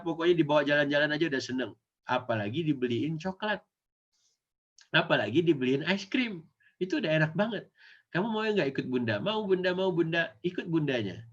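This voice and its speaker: A male Islamic teacher with an Indonesian accent giving an animated Quran lesson to children, often acting out the kids' voices. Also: on the high side. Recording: dull lo-fi recording.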